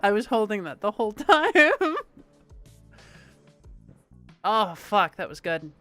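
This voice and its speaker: A woman's voice: mid-range voice, sing-song, slow, fairly bright tone, no room sound, faint music behind. A young adult woman hosting a casual chat stream, laughing often and swearing freely. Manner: laughs often, loose and profane. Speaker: vtuber streamer host.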